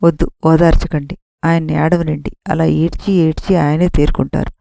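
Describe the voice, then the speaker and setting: A woman's voice: low-pitched, level tone, normal speed, vocal fry, warm tone, no echo. A woman voicing a tearful, loving foster mother in a storybook, speaking wistfully.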